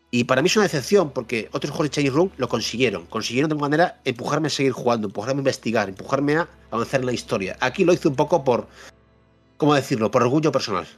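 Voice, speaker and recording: A man's voice: medium pitch, fairly bright tone. A man hosting a podcast, giving a casual spoken review of a game and repeating points for emphasis. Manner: repeats himself for emphasis, frequent fillers and tag questions.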